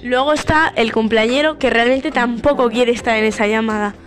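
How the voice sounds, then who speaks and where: A young woman jokes sarcastically about awkward social moments. Her voice sits high and light. Soft music plays underneath. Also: steady tone, fairly quick. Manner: sarcastic, acts out awkward phone calls. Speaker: co-host. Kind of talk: casual comedic chat.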